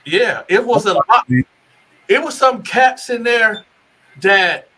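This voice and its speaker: A man tells his own story in a casual interview, rambling and circling back over his words. His voice is bright and sits a little high. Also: slow pace, rough recording. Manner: rambling, restarts and repeats words. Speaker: guest telling his life story.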